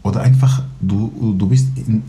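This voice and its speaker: A thirty-year-old man from Syria, a native Kurdish speaker, telling his story at length as an interview guest in an earnest, fast-talking way. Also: fairly low pitch, fairly even intonation, dark tone. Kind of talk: conversational storytelling.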